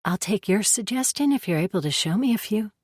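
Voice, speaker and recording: A woman's voice: mid-range voice, animated, brisk, darkish tone, husky, dry recording, studio quality, voice pushed up. A woman narrator voicing a guarded, secretive young woman who gives short, evasive answers in an audiobook. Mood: polite. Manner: terse, evasive replies.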